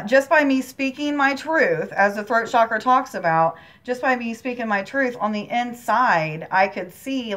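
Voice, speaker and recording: A woman's voice: medium pitch, fairly bright tone. A woman talking directly to her viewers about a spiritual experience, earnest and emotional, rambling and repeating herself, calling them guys. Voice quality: emotional, near tears at times, earnest. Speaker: spiritual channel host. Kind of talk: personal spiritual talk to viewers.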